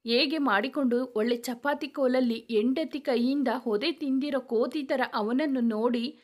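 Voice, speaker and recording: A woman reading the part of a middle-aged mother-in-law who jokes and teases to cheer up a bride. The voice stays fairly high and humorous, in a storybook reading. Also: moderate pace, natural voice. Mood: teasing. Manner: teasing, humorous.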